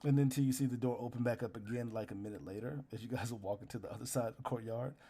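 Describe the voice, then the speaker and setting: A man's voice: medium pitch, very fast, dark tone, slightly rough. Man, mid-range voice, game master, improvised narration, casual, slangy.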